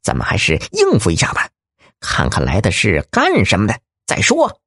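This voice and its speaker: A man doing a shrill, swearing kidnapper. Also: huge pitch swings, moderate pace, fairly bright tone, dry recording, studio quality, full character voice. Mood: rough, nervous. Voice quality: thin, shrill. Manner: coarse, swearing, jittery. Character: squeaky-voiced rough male kidnapper. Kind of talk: audiobook character voice.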